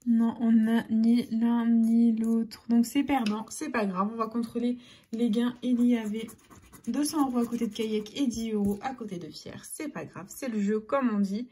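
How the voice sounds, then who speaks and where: Woman, scratch-card vlogger, husky mellow voice a touch high, chatty letter-by-letter narration with soft whispered asides. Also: fairly even intonation, normal speed. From France. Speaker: YouTuber scratching lottery tickets.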